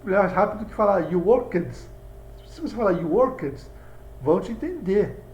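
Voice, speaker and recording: In this video lesson, a man with a Brazilian Portuguese accent teaches English, explaining examples on a board step by step. His voice sits high and sounds animated and slightly mellow at a normal speed. The audio is dull, recorded in an echoey room with a faint hum behind it.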